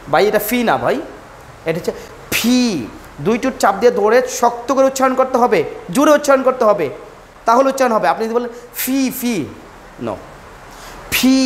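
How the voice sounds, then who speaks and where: A woman's voice: on the high side, a little hiss or hum. A woman teaching English pronunciation, repeating each letter sound and correcting common mistakes. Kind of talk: pronunciation lesson, drilling letters.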